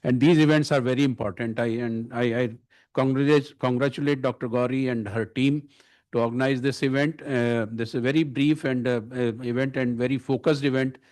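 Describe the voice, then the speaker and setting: A man with an Indian accent giving an informal conference address as a senior surgeon, halting and often repeating words. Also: mid-range voice, fairly even intonation, a little mellow. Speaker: medical director and surgeon speaking at a conference.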